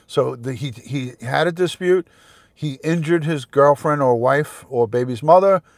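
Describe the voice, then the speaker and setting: A man's voice: fairly high pitch, measured pace, dry recording. A man in his fifties hosting a casual livestream commentary from inside a car, often repeating himself. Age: 50s. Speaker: host, retired police detective.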